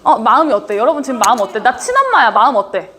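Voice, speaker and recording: This woman's voice is on the high side and her pace is quick as she gives a leadership training talk. Lively and informal, she quizzes her audience often and speaks to students in a down-to-earth manner.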